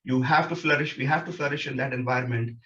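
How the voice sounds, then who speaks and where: A man's voice: mid-range voice, quick pace, fairly bright tone, muffled recording. A man giving a reflective academic conference talk, building his points in lists. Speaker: researcher presenting.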